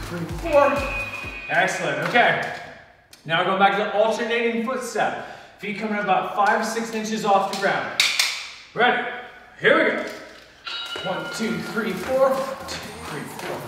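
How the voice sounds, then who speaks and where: A man in his thirties coaching a workout like a barking gym coach, energetically calling out counts, a little breathy from exertion as he moves. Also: sits high, lively intonation, unhurried, long pauses. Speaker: fitness instructor, jump rope coach. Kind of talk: workout tutorial with counted cadence. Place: indoor gym with rubber floor. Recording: echoey gym, distant mic, music behind.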